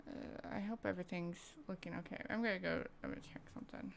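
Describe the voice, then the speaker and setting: A woman's voice: on the low side, steady tone, quick pace, vocal fry, a little hiss or hum. A woman streaming a game live, reacting casually and chatting off the cuff.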